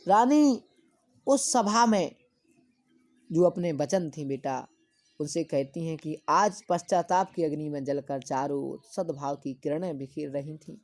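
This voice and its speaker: A woman teaching a Hindi poem to students, reciting verse lines slowly and then explaining what each word means. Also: low-pitched, a little mellow, no room sound.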